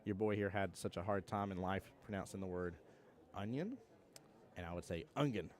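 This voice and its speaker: A man's voice: low voice, fairly even intonation, moderate pace. A young man from Georgia with a Southern accent, commentating a pool tournament on a live stream and chatting with viewers in a joking, laid-back way. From Georgia, USA. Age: young adult.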